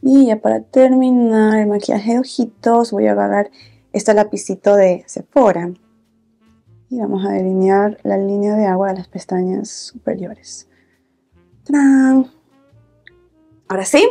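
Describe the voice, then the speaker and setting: A woman vlogger speaks in a soft, hushed, intimate way, as if keeping her volume down. Her voice is mellow with plenty of gentle creak. She chats casually through a beauty routine over faint background music. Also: medium pitch, flat delivery, moderate pace. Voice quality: soft-spoken. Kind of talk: casual get-ready-with-me makeup chat. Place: small indoor room, filming setup.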